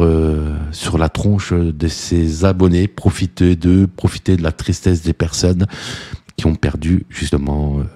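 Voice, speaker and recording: A man's voice: rumbling low, mellow. A man hosting an exposé, reading the chat aloud and accusing someone. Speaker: host of an exposé video. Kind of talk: commentary.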